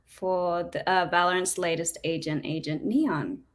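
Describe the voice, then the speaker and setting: A woman's voice: on the low side, steady tone. A young adult woman, a singer, chatting as an interview guest in a bubbly, giggly way. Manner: bubbly, giggly, quick to cheer. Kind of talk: casual interview.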